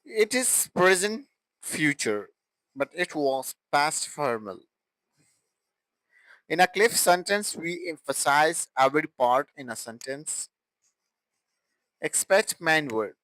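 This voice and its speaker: A young man teaching English grammar in a fairly high voice. He talks very slowly and deliberately and repeats each example sentence. The sound is dry and close, with no room echo. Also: sing-song, a bit bright. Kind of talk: grammar lesson.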